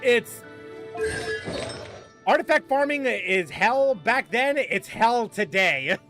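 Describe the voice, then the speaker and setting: Over background music, a male gaming streamer gives casual live commentary, wandering off topic, laughing frequently and restarting lines. His voice is extremely high with lively intonation, and he takes his time.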